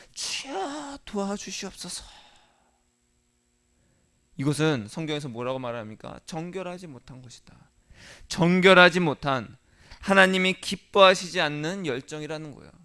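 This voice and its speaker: A male pastor delivering a Sunday sermon, asking the congregation rhetorical questions and moving between soft, quiet lines and emphatic ones. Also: on the high side, clear, resonant tone.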